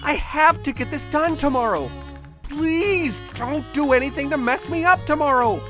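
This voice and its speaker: Actor doing a fed up fussy scientist, comedy skit, very animated pitch, dry then dramatic, music under it. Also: moderate pace. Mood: exasperated. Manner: dramatic, swinging from dry to exasperated. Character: exasperated, fussy lab scientist recounting a disastrous week. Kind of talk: comic dialogue and deadpan statement-giving.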